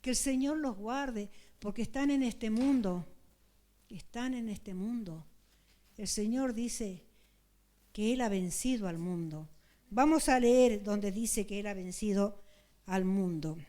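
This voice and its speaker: A woman's voice: medium pitch, slow pace, warm tone. An older woman from Argentina with an Argentine Spanish accent, preaching an earnest, pleading sermon with many repeated phrases.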